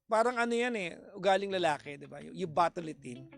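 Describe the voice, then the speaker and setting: A man chatting casually with his partner, joking and rambling in a relaxed way. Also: sits high, fairly quick, gravelly, music in the background. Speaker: co-host of a couple's channel. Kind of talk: casual chat.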